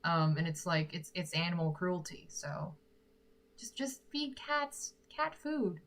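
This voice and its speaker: Speaking slowly in a voice on the low side, she is very animated: a young Korean singer-songwriter in a casual chat, replying to live comments with giggles and open thinking.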